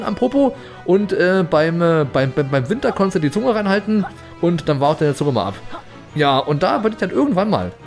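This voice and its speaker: Male gaming host, slightly high voice, chatty and playful, game music underneath. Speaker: let's play host. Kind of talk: casual gameplay commentary.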